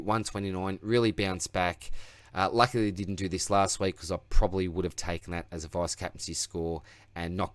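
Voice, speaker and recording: A deep-voiced Australian man hosts a fantasy football channel and talks through his team solo, casual and rambling, with plenty of self-deprecation. There's no room sound, and fatigue is creeping into his voice.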